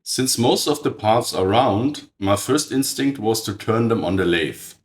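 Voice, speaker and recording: A man with a raspy, hoarse voice from a cold, giving a precise, matter-of-fact technical narration as channel host. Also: lowish voice, animated, unhurried. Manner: precise, matter-of-fact, blunt verdicts on tools.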